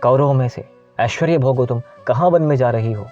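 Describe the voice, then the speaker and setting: A man's voice: medium pitch, brisk, darkish tone, natural voice. A man voicing a cruel prince who taunts a queen, in a retold epic, recorded slightly dull with faint music. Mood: taunting. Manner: sneering, taunting.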